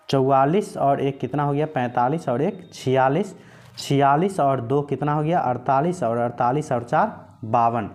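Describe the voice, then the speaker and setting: A man with a slightly high voice teaches a grammar lesson. He talks patiently, repeats his points and asks questions that he answers himself. He draws out single sounds slowly as he names them. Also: darkish tone.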